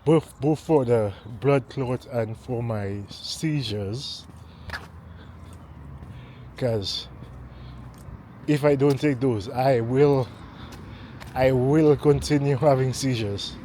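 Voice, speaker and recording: A man vlogging while he walks through a neighborhood at night, talking in a slow, halting way and repeating words as he goes. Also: medium pitch, warm tone, a little hiss or hum. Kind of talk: casual walking vlog talk. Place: outdoors on a neighborhood street at night. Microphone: handheld camera mic while walking.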